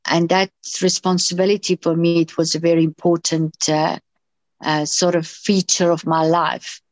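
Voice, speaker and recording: A middle-aged woman from Iran speaks as an interview guest, her voice pitched a little low. She talks haltingly, with fillers and restarts. The sound is dry and close. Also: flat delivery, no echo. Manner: hesitant, many fillers and restarts. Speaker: guest, doctor. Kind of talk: interview answers.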